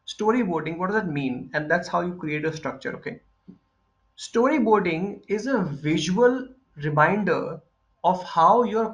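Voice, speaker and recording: A man teaching presentation skills in a live training session, with a voice on the higher side for a man. He explains step by step, repeats his points, and keeps checking in with the group with a quick "right?" or "okay?". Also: fairly bright tone.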